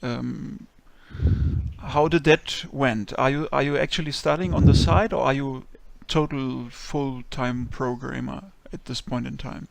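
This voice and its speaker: Gravelly-voiced man interviewing casually. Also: medium pitch, fairly even intonation, a little slow, no echo. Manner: friendly, hesitant questions with many ums.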